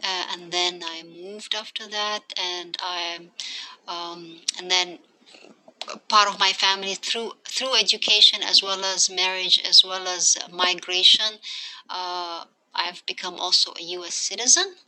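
A woman's voice: on the low side, fairly even intonation, unhurried, bright, forceful tone, poor audio. A woman in her forties, raised in Egypt, speaking as an academic guest on a podcast in a thoughtful, hesitant way with many fillers. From Somalia, raised in Egypt. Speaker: guest, associate professor. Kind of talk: podcast interview.

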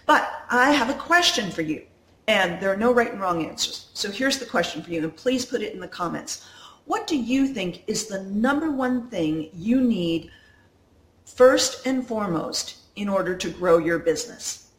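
A woman's voice: medium pitch, expressive, normal speed. A woman coach hosting a live stream in natural, unscripted, conversational talk, addressing viewers directly, recorded indoors on a phone. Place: indoors at home in a condo. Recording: roomy, echoey sound.

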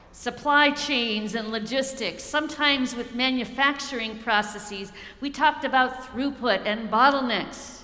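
A middle-aged woman pastor preaching a sermon, measured and slowing down to stress key phrases. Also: fairly high pitch, sharp tone. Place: church sanctuary. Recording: echoey church hall.

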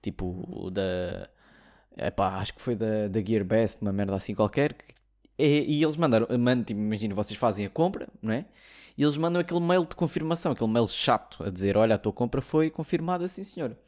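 A man's voice: fairly low pitch, fairly quick, darkish tone. A young man from Portugal with a European Portuguese accent, ranting in a casual comic monologue, sarcastic and swearing freely. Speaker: comedy podcaster.

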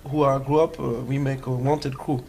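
A man from France with a French accent, a guest dancer telling his story in halting English full of fillers. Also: medium pitch, little pitch movement, mellow, slight background noise. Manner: halting non-native English with many fillers. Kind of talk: casual interview.

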